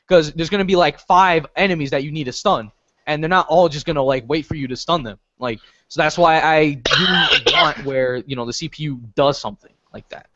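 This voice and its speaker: A man's voice: on the high side, brisk, sharp tone, dull audio. A man co-hosting a casual gaming podcast, talking hesitantly with many fillers and restarts. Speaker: podcast co-host.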